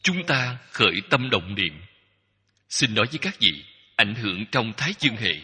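A man giving a Buddhist dharma talk as a teacher, speaking in slow, measured short phrases that repeat. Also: fairly low pitch, sing-song, sharp tone, breathy edge. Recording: long hall reverb.

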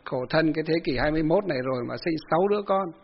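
Man, fairly high voice, husky, folksy sermon storytelling, muffled recording. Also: expressive, racing. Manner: folksy, many fillers, acts out quoted dialogue. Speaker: Buddhist monk giving a dharma talk.

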